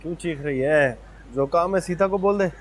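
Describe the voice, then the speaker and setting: An actor playing an ailing, irritable husband who scolds gruffly. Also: male voice, fairly high pitch, moderate pace, lightly acted. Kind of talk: TV serial acting. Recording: loud background music score.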